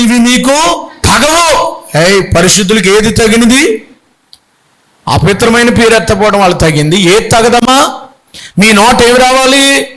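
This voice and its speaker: A middle-aged man, a bishop giving a Sunday sermon with animated preaching and many rhetorical questions to the congregation. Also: sits high, poor audio.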